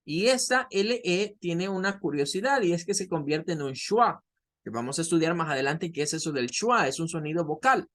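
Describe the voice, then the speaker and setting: A man teaching an introductory English class, who explains patiently and models sounds slowly. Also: a little high, lively intonation, fairly bright tone. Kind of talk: online class lecture.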